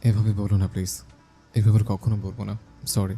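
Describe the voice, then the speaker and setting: A man playing a gentle pleading young husband. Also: lowish voice, level tone, moderate pace, soft background music, close to an everyday voice. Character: young husband coaxing and apologizing to his wife. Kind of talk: Bengali audio drama acting.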